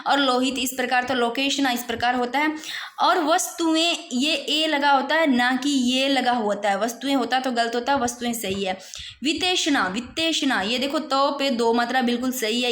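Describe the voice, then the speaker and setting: Woman, high voice, teacher, patient, repeats words slowly, echoey room. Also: fairly bright tone. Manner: explains patiently, repeats words slowly, addresses students as brother. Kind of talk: exam-prep spelling lesson.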